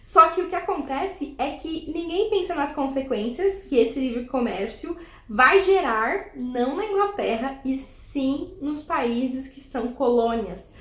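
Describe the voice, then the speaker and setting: A young woman chatting casually about a book she is reading, talking in quick bursts full of restarts. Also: sits high. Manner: chatty, animated, many restarts and laughs. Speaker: book vlogger. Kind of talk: casual book review chat. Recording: echoey room.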